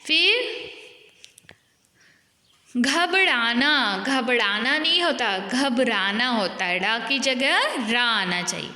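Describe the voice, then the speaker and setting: Indian woman teacher, high bright voice, deliberate word-by-word correction, roomy echo with long reverb. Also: expressive. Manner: slow, deliberate, drawing out each word to correct spelling. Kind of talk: online grammar lesson. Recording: echoey room with long reverb.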